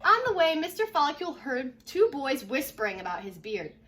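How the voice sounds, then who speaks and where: In a high-pitched voice and at a brisk clip, a woman reads a children's book aloud in teacher style. She's expressive, emphasizing important and repeated words and putting questions to the audience.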